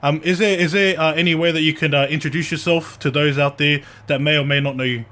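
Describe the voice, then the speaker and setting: A man hosting a podcast in casual, earnest, slangy talk, often halting and repeating words. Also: fairly high pitch, fairly even intonation, bright, forceful tone. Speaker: podcast host. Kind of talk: casual chat.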